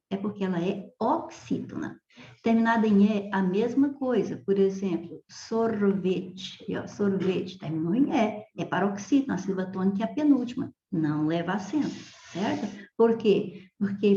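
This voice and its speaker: Woman, Brazilian accent, teacher, patient step-by-step explaining, warm tone, roomy sound. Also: mid-range voice. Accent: Brazilian Portuguese. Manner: explains slowly, checks with "ok?" and "certo?". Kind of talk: exam-prep grammar lesson. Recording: echoey room, slightly dull audio.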